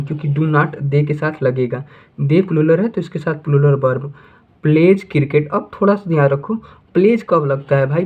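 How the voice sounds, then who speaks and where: A man whose first language is Hindi, teaching beginner English grammar and repeating points, asking questions and then answering them himself. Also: a little high. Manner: repetitive, asks and answers his own questions; slows down to dictate English sentences. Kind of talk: classroom-style lesson for beginners. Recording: tinny phone-like audio.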